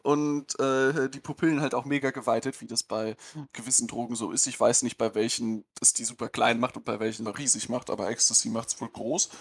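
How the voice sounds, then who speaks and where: A man's voice: medium pitch, fairly even intonation, brisk, vocal fry, husky. A man hosting a podcast, telling a story in casual chat with many hesitations and dry humor. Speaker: podcast host.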